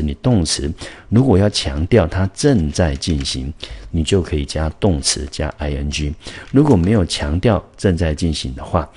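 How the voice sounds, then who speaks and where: A man with a Taiwanese Mandarin accent, teaching English vocabulary patiently and slowing down on each English word. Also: extremely low pitch, a little mellow, breathy edge. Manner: patient, explains word by word, slows down on English words. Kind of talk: vocabulary lesson.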